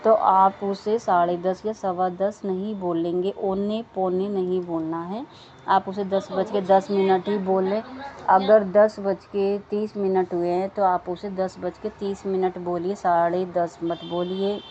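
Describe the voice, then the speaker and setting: A woman's voice: medium pitch, little pitch movement, measured pace, warm tone, dull audio, a little hiss or hum. A woman with children giving an earnest devotional talk to listeners, repeating words of thanks and chanting mantras. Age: adult with children.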